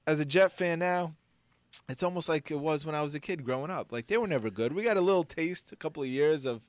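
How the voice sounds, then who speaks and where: New guy, clear voice, dry studio sound, bantering about sports and poking fun at himself. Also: on the high side, quick pace, no echo. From Queens, New York. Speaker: sports show co-host.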